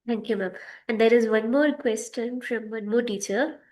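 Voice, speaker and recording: A woman's voice: fairly high pitch, moderate pace, a little mellow. A woman moderating an online session, politely reading out teachers' questions. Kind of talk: online webinar Q&A.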